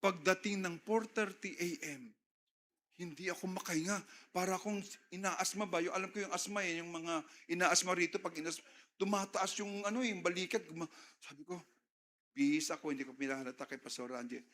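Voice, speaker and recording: A middle-aged Filipino pastor delivers a sermon, moving between Tagalog and English. His voice sits a little high for a man, and he often breaks off to ask the congregation to answer back. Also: brisk, a bit bright, slight background noise.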